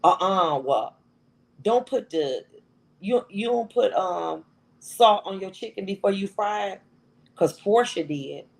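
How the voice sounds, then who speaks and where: A woman's voice: medium pitch, animated, slow pace, gravelly, rough recording. A middle-aged woman giving a motivational talk to an audience, emphatic and repeating phrases for effect. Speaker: motivational speaker.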